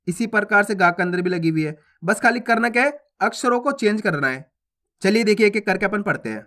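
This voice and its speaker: A man's voice: high-pitched, bright, forceful tone. A man teaching children's Hindi spelling, patiently repeating each sound and asking the listener questions. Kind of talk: explaining a spelling lesson.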